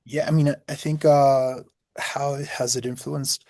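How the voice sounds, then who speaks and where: A man from Peru, a native Spanish speaker, answering interview questions in a relaxed way, often repeating words as he restarts. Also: mid-range voice, measured pace, no room sound, studio quality. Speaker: guest. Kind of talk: casual interview.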